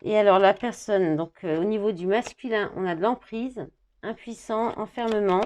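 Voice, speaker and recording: A woman giving a tarot reading to camera, thinking out loud as she reads the card words and dropping in small fillers. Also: mid-range voice, moderate pace, slight background noise.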